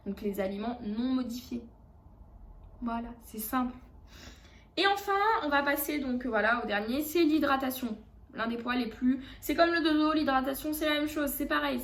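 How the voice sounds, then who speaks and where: Chatty French woman with a high voice. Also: creaky, reverberant. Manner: chatty, many fillers and restarts. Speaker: fitness coach. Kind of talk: casual vlog advice.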